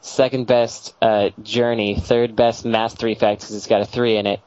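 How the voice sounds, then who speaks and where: A man co-hosting a podcast, joking in a laid-back, deadpan way. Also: fairly low pitch, normal speed, smooth, no echo. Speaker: podcast co-host. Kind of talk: casual comedic chat. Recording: dull lo-fi audio.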